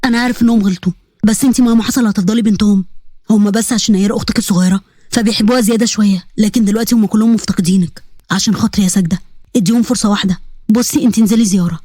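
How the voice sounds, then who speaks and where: A woman voicing a caring middle-aged uncle with an Egyptian accent, in a soft, coaxing, fatherly way, for a narrated story. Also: medium pitch, fairly even intonation, very fast, no echo, voice pushed down, close to an everyday voice.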